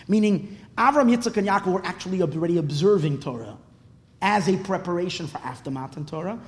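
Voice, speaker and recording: In a reverberant hall, a high-voiced rabbi teaches an unscripted Torah class. He is emphatic, repeats phrases, and poses questions only to answer them himself.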